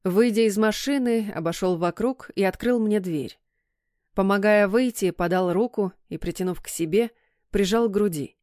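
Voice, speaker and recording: A woman reads a first-person novel aloud with expressive storytelling. Her voice sits at an ordinary middle pitch for a woman. The recording is dry and close, with no room reverb. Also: moderate pace. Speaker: audiobook narrator. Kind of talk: first-person audiobook narration.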